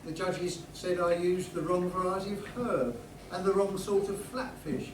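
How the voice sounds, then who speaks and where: A man's voice: high voice, steady tone, normal speed, close to an everyday voice. A man playing a hapless, earnest train passenger telling comic tales in an amateur pantomime. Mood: rueful. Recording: echoey hall from far off, background noise.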